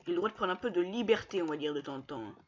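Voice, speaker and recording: A man commenting casually on his own online matches, taunting opponents and breaking into excited yells. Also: high-pitched, racing, lo-fi sound. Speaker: gamer streaming gameplay.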